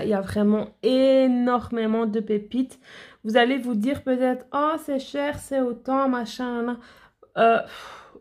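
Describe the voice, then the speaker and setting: A woman's voice: a little high, gravelly, a little mellow. A woman nail educator talking in a chatty, enthusiastic way to her viewers in a casual product haul, with many fillers and restarts.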